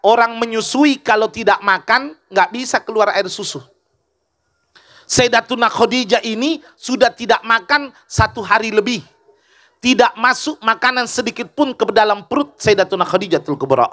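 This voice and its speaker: A man's voice: sits high, normal speed, sharp tone. A male preacher giving a humorous sermon, joking with the audience and asking them questions.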